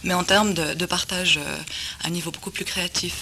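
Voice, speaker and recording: Bright-voiced woman teacher. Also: fairly low pitch, fairly even intonation, slight background noise. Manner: measured, explanatory, many fillers. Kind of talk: panel discussion.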